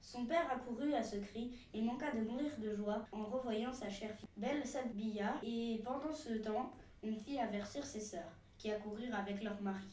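A woman narrating a fairy tale aloud in a steady, measured reading voice. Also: fairly high pitch, far from the mic, a little hiss or hum. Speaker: storyteller. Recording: echoey room, voice from afar.

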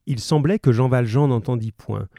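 A man's voice: medium pitch, normal speed, vocal fry, mellow, no room sound, clean studio sound. A male teacher reading a novel aloud, then leading a remote class in a chatty way, with hesitations and self-corrections.

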